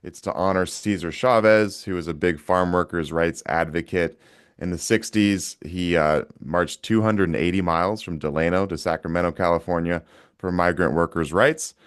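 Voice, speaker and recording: Emphatic low-voiced man, casual talk. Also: moderate pace, smooth. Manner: energetic, emphatic, swears casually. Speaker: guest. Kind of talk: casual conversation.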